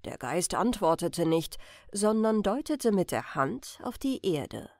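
A woman reads a classic tale aloud as a bedtime audiobook, calm and measured. Her pace is slow and her melody rises and falls freely over a faintly gravelly texture. The sound is dry and close to the mic. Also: mid-range voice, dry recording. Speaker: audiobook reader. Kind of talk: scripted narration of a bedtime audiobook.

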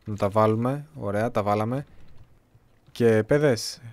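A young man from Greece giving casual, chatty gameplay commentary, talking to viewers with a slightly hoarse voice. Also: fairly low pitch, darkish tone, dry recording. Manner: chatty, talks to viewers, jokey self-talk. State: voice a bit hoarse, clearing throat.

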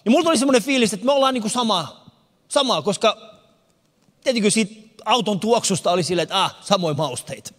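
A man's voice: high-pitched, animated, fairly bright tone. A man doing stand-up comedy, telling a story and acting out the other people's lines, who moved to the country in 1991. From abroad, moved to Finland in 1991. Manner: storytelling, acts out characters' lines. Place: large concert hall with no audience. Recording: long hall reverb.

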